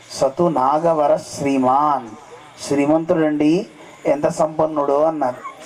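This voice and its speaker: At a temple festival, a man with a fairly high, mellow voice delivers a devotional talk, recounting scripture stories and often asking the audience questions. The recording is rough.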